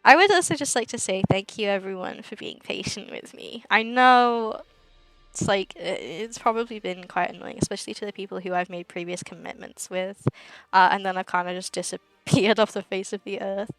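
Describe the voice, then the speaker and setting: A woman's voice: medium pitch, fairly quick, fairly bright tone, dry recording, soft background music, rough recording. A young woman livestreaming and chatting casually with viewers, giggly and rambling, often laughing mid-sentence.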